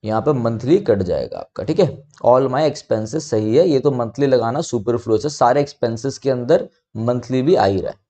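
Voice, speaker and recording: A man with an Indian accent teaching an exam-prep English grammar lesson, reading example sentences slowly and checking in with rhetorical questions. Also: mid-range voice, lively intonation, warm tone. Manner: explains step by step, reads example sentences slowly.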